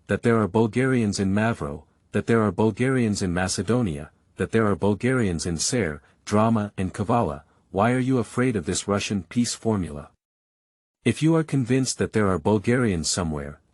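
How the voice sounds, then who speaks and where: A man with a low, husky, darkish voice delivers a historical parliamentary speech as a declamatory voice-over. He sounds oratorical and insistent, and the recording is dry and close with no sense of room.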